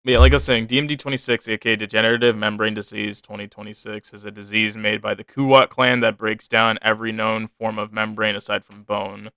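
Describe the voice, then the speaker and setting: A man with a low, fry-edged voice reads his writing aloud in casual chat. He rambles, stops to fix himself and swears without care. The sound is bright and dry, with no room around it. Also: level tone, brisk, few pauses, dry recording. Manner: rambling, self-correcting, swears freely. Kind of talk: casual chat, reading his own fiction notes aloud.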